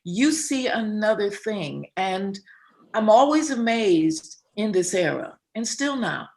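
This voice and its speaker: A woman's voice: medium pitch, very animated, slow pace, vocal fry, darkish tone. A woman interviewer and playwright asking questions in an enthusiastic, effusive way, often restarting her words. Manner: enthusiastic, effusive, repeating words as she starts. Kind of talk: conversational interview.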